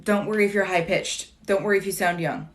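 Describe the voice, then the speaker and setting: A woman's voice: mid-range voice, steady tone, fairly quick. A woman in her late thirties chatting casually on a livestream, wry and digressive with dry jokes, answering viewer questions between fillers and restarts. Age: late 30s.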